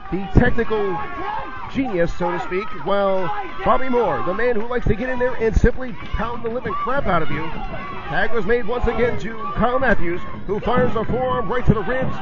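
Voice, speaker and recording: A man calling a live wrestling match as play-by-play announcer, in an excited, dramatic and emphatic arena announcer manner. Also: extremely high pitch. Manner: dramatic, emphatic storytelling delivery. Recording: dull lo-fi audio amid loud crowd. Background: loud live crowd.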